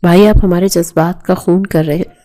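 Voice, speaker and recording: A woman's voice: fairly low pitch, fairly even intonation, mellow, close to an everyday voice. A woman reading the lines of a bitter, reproachful young sister in a storybook narration.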